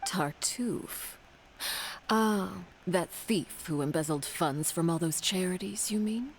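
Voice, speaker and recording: A cold, soft-spoken commander. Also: female voice, on the low side, slight background noise, rough recording. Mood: calm. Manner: measured, formal, quietly menacing. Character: cold composed woman, commander of a feared group. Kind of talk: game voice acting.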